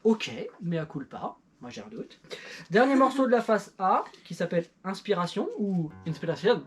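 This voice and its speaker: A woman's voice: mid-range voice, animated, moderate pace, faint music behind. A middle-aged woman in casual chat, reviewing an old record with her child in a playful, self-mocking way with many fillers. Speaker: YouTuber and parent.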